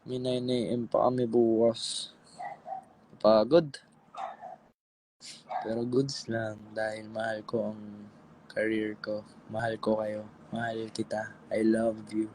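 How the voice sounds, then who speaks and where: A man's voice: lowish voice, completely flat delivery, slow, long pauses, a little mellow, a little hiss or hum, rough recording. Tired man chatting on a live stream. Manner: sings pop songs, then chats playfully with viewers. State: tired voice after singing. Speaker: singer doing an Instagram live. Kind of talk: casual live-stream chat with singing.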